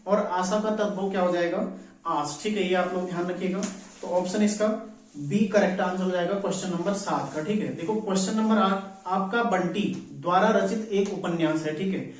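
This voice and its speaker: A man's voice: high voice, moderate pace. A man working through exam practice questions as a teacher, who keeps asking a question and answering it himself. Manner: repeats "ठीक है" often, asks then answers himself. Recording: echoey room, voice from far off.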